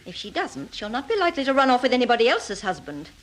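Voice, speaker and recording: An actress playing a weary woman freed from captivity, bitter and quietly vengeful, in a radio thriller. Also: fairly high pitch, sing-song, quick pace. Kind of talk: scripted radio thriller acting.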